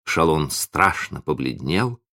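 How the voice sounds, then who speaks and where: A man narrating a children's story in an expressive, animated audiobook reading. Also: extremely low pitch. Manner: animated storytelling, slow and deliberate.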